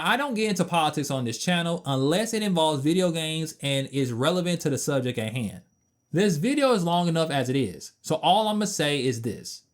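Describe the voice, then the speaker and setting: A man in his twenties giving a casual, opinionated game review with blunt, emphatic asides. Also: a little high. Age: 20s.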